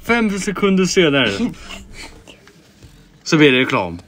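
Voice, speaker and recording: Lively jokey male game commentator. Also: a little high, soft background music. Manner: jokey, narrates the character's thoughts in quick asides. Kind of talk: playful Let's Play commentary.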